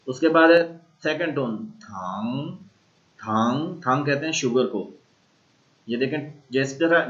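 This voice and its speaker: A man with a Pakistani accent giving a recorded university lecture, explaining slowly and repeating sounds aloud to model them. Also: on the high side, fairly bright tone, highs cut off. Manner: slow, repetitive explaining, modeling tones aloud. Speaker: language teacher.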